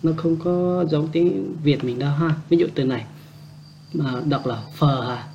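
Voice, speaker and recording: Gravelly man teaching a language lesson. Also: on the high side, mellow, lo-fi sound, a little hiss or hum. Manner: repeats example words slowly, chatty and joking asides. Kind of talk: casual spoken language lesson.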